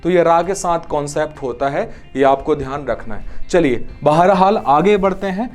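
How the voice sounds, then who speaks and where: High-voiced man teaching Hindi grammar. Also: moderate pace, darkish tone, faint music behind. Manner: explanatory, checks understanding with rhetorical questions. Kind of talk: exam-prep Hindi lecture.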